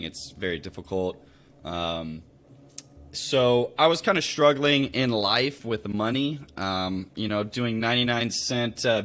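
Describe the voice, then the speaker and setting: Casual, conversational storytelling comes from this American man, a real estate investor from Louisville, Kentucky, who is a guest on a podcast. His voice sits fairly low and carries a slight brightness.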